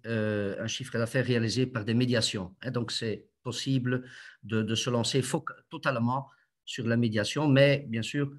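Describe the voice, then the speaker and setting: Man, mid-pitched, guest expert, halting delivery with frequent "euh"s, explains step by step. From Belgium. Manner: halting, many fillers and restarts, explains step by step. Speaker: guest lawyer and mediator. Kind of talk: explanatory interview answers.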